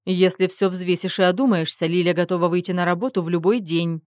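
A woman narrator voicing a loud, reproachful older mother-in-law in an audiobook. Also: steady tone, a little fast, no room sound, studio quality, lightly acted. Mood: cutting. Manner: loud, scolding, higher pitch.

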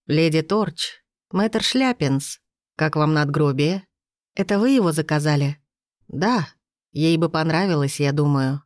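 A woman voicing a grieving male singer in an audiobook, speaking quietly and sorrowfully. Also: low-pitched, measured pace, no room sound, clean studio sound. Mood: mournful. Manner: quiet, subdued.

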